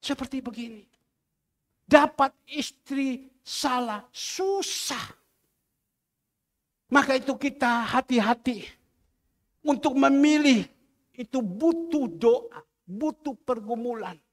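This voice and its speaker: A man's voice: very high-pitched, takes it slowly. A pastor preaching a sermon, emphatic and repetitive, acting out the people he quotes. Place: large church hall. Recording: reverberant church hall.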